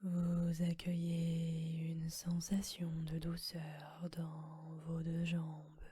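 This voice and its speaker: A woman guides a relaxation meditation entirely in an unvoiced whisper. Her delivery is very slow and flat, with a breathy, mellow tone. The sound is close and dry. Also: sits low, no room sound.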